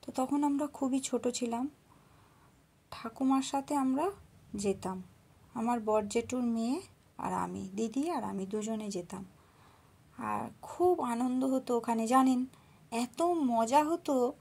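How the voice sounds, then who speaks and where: Soft-spoken woman vlogging her cooking n puja, a bit husky, kinda high, sometimes almost whispering. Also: unhurried, pauses often. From rural Bengal. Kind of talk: homely step-by-step narration.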